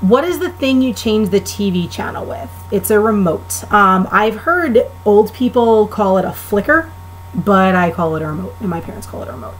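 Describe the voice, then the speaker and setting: A woman's voice: medium pitch, animated, normal speed, a little hiss or hum, low-quality recording. Chatty Long Island woman. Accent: Long Island New York. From Long Island, New York. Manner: opinionated, chatty, with frequent ums and laughs. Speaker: vlogger. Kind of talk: casual vlog chat. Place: living in the Midwest.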